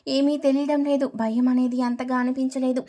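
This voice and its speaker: A woman's voice: high-pitched, little pitch movement, brisk, dark tone, lightly acted. A woman reading out the lines of a naive young bride who is shy and easily frightened. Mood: innocent. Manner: innocent, wondering.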